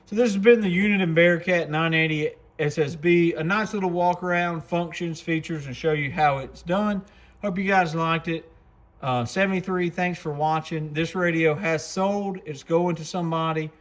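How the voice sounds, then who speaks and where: Speaking at a moderate pace in a fairly high voice, a male host demonstrates a CB radio inside a radio shop. His walkthrough is relaxed, unscripted, and explanatory. The clear audio carries some background noise and clicks from the radios.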